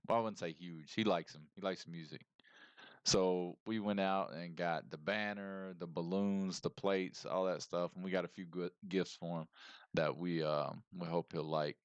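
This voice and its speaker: Low-voiced man on livestream headset audio. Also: fairly even intonation, normal speed, clear, resonant tone, no room sound, lo-fi sound. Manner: chatty and rambling, greets viewers by name. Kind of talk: casual livestream chat with viewers. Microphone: close streaming mic.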